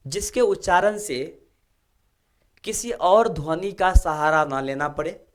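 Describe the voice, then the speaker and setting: A male teacher giving a classroom lecture, explaining step by step and checking in with his students. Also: a little high. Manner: explanatory, asks students rhetorical check-in questions.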